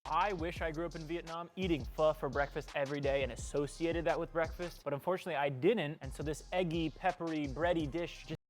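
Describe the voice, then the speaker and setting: A man tastes food and chats about it quickly. His voice sits a little high and he talks at a brisk pace. Faint music plays behind him. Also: fairly even intonation. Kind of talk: casual tasting commentary.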